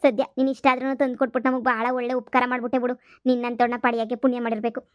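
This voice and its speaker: A woman's voice: fairly high pitch, little pitch movement, very fast, no room sound, lo-fi sound, lightly acted. A woman voicing a poor old village mother who gushes with thanks in a cartoon comedy. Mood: gushing. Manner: gushing, blessing, fussing over gifts. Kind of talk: cartoon voice acting.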